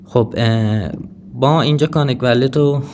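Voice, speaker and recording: A man's voice: medium pitch, background noise. Hesitant man walking viewers through a tutorial. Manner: hesitant, many filler sounds, addresses viewers directly. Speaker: crypto tutorial presenter. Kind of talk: casual screen-recorded tutorial.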